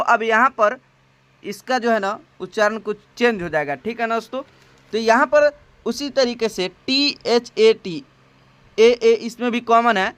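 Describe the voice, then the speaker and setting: High, clear-voiced man teaching spelling. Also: fairly bright tone, dry recording. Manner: slow and patient, spells words out letter by letter; repeats himself and asks the viewers questions. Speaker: English teacher. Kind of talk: spelling and pronunciation lesson. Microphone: phone recorder.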